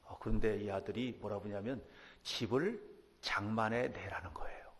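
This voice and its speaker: A middle-aged man preaching a sermon as pastor, telling the story with lively, acted-out voices. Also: fairly low pitch, normal speed, in a large hall. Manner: animated storytelling, acting out quoted voices. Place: church sanctuary.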